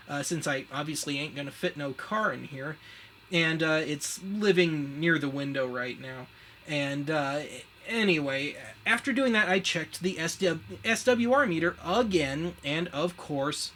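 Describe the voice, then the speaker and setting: An American man who hosts a retro media web show chats through a gadget demo as a casual explainer. His voice is fairly high and bright, and his talk is wry, self-deprecating, and slangy, with background noise clearly audible.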